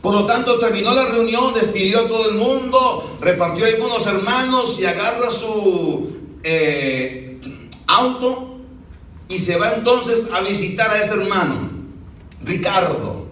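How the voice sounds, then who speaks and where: A male pastor from Uruguay preaching a sermon, telling a story with quoted dialogue and dropping his voice low and soft in tender moments. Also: expressive, measured pace, slight background noise. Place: church sanctuary. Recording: echoey church hall, mic at a distance.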